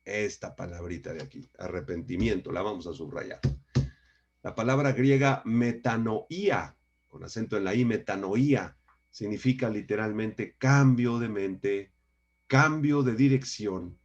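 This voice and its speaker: Emphatic pastor teaching scripture. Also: male voice, on the low side, moderate pace, dull audio. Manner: emphatic, repeats key words, addresses listeners as brothers. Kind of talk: Bible study teaching.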